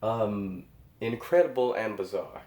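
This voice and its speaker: The host of a music reaction show, a man with a lowish, warm, unhurried voice, offers casual, awestruck commentary in a roomy-sounding space. He is emphatic and often repeats phrases for effect.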